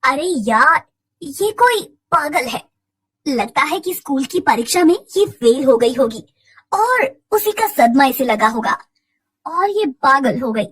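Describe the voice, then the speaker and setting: A woman's voice: high-pitched, sing-song, slow, fairly bright tone, full character voice. A woman voicing a blunt, bossy teenage schoolgirl who talks in an impatient, scolding way.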